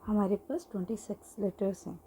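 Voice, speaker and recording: A woman's voice: mid-range voice, steady tone, brisk, mellow. A woman teaching an online language lesson, explaining patiently while writing things out and mixing in English phrases. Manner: writes on a board while explaining.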